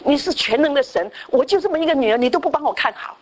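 A woman's voice: high-pitched, lively intonation, fast talker, a little hiss or hum, poor audio. A woman preacher acting out a bereaved mother who wails and accuses Jesus of letting her daughter die. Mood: pleading. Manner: wailing, accusing. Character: grieving mother railing at Jesus, bitter.

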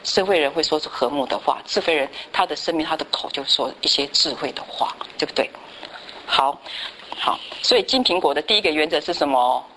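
Woman church teacher, slightly low voice; lively storyteller who keeps asking the class questions. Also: brisk, a little hiss or hum, low-quality recording. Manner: lively storyteller, tags sentences with a chatty particle, asks the class questions. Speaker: church Bible study teacher.

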